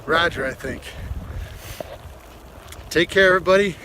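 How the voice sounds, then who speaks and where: A man's voice: on the high side, moderate pace. A man in his thirties chatting casually to a phone at arm's length outdoors, upbeat and encouraging like a fitness vlogger. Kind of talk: casual selfie video chat. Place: outdoors in a snowy blizzard. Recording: loud wind noise on the microphone.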